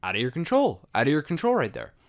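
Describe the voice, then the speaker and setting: A young American podcast host speaks fast in a slightly high voice whose pitch swoops wildly, with a little hiss or hum in the background. His solo, unscripted monologue rambles casually, stuffed with fillers, rhetorical questions, and swearing.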